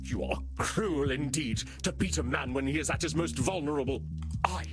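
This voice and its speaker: A man's voice: on the high side, moderate pace, close to an everyday voice. A man voicing a vain, easily wounded vampire thespian in a video game, declaiming grandly like a hammy stage actor. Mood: wounded, melodramatic. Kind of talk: theatrical video game character acting. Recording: music behind the voice.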